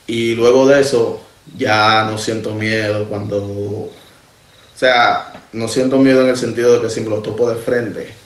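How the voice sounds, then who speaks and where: A man casually telling a first-person supernatural story, speaking directly to his listeners in an animated, conversational way. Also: fairly low pitch, a little slow. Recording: echoey room.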